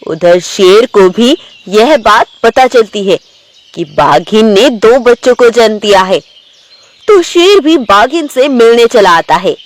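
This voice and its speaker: A woman narrating an animated children's story in a storybook manner. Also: fairly high pitch, no echo. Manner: slow, storybook telling.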